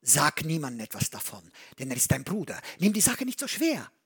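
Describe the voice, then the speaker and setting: A preacher voicing an older brother who brusquely tells his sister to keep quiet. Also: mid-range voice, huge pitch swings, fairly quick, breathy edge, no echo, studio quality, exaggerated voice.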